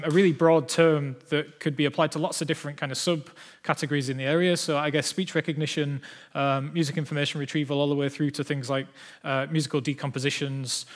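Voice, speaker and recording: Hesitant Northern English man lecturing. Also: a little high. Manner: hesitant, many ums and "sort of" fillers. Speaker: conference speaker, audio researcher. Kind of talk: conference talk. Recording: long hall reverb.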